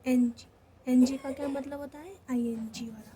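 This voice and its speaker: There's background noise as a woman with a high, steady voice and a Hindi accent leads a shorthand lesson. She takes it slowly, says each step again, and often checks in by asking "theek hai."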